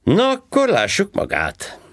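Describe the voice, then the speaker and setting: A man voicing a loud, sharp-tongued traffic cop who barks sarcastic questions in a high-pitched voice. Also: wildly swooping pitch, no echo, studio quality, exaggerated voice. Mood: barking.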